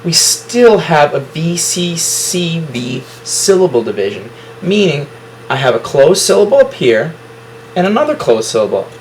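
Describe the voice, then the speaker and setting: A man's voice: a little high, very animated, a little slow, a little hiss or hum, rough recording. A man teaching a phonics lesson to a class, explaining syllables at the whiteboard and praising students often.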